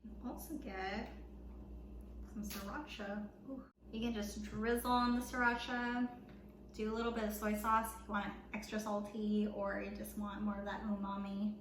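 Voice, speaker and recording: Young woman, cooking vlogger, excitable and chatty, echoey kitchen. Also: mid-range voice, normal speed. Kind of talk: casual cook-along chat. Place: home kitchen. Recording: echoey kitchen with background noise.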